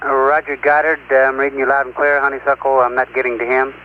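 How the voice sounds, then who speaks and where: A man barks clipped call signs over a tinny radio loop, his voice fading in through static. He keeps his pitch flat and level, all business, like a controller checking a link. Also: fast. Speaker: communications network controller. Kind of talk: radio voice procedure.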